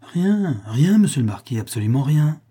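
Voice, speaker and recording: A man's voice: medium pitch, sing-song, moderate pace, dark tone, slightly rough, voice pushed up. A man voicing a faithful old male valet, fond and deferential, moved close to tears. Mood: tearful joy.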